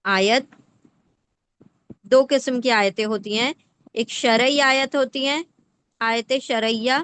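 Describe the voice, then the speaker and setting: A woman teaches the Quran one word at a time in a patient, explanatory lesson, breaking each into parts. Her voice is a little high, smooth and a bit bright, with fairly even intonation, and she often checks in with rhetorical questions.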